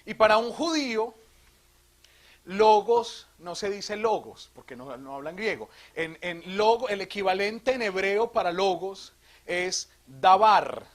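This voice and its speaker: A man from Colombia, a priest, giving an animated theology talk to a live audience, asking questions and joking. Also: sits high, unhurried. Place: retreat hall.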